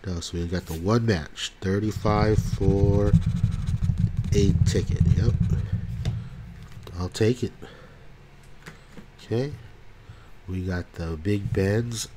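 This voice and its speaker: Under heavy background noise, a man with a lowish, cold-congested voice chats casually while scratching tickets, slowly announcing each lottery number in turn.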